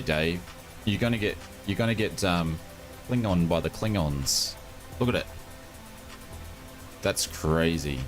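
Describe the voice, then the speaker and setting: A man with a broad Australian accent chatting casually and matily to viewers as a livestream host, informal and given to exclamations. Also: deep voice. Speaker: live streamer, host.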